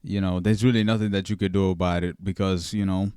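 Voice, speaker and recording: A man's voice: low-pitched, little pitch movement, fast talker, warm tone, clear, resonant tone, dry recording, studio quality. A man giving casual reaction commentary on a video, slangy and repetitive, often saying "bro" and "you feel me.".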